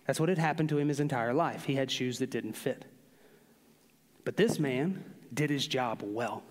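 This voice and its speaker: A man preaching a sermon, telling stories with an animated, drawn-out emphasis. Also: medium pitch. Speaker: pastor. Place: large church hall. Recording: long reverb of a large hall.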